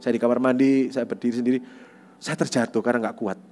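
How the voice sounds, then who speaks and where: Male youth pastor, animated testimony sermon over soft guitar. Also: medium pitch, quick pace. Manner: animated storytelling, repeats tag phrases.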